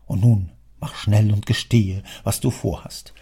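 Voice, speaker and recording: A man voicing a stern, wealthy old father who scolds his son in an audiobook, speaking in a gravelly, husky, lecturing way. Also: lowish voice, fairly even intonation, measured pace, mellow, exaggerated voice. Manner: lecturing, indignant, declamatory. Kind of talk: audiobook character reading.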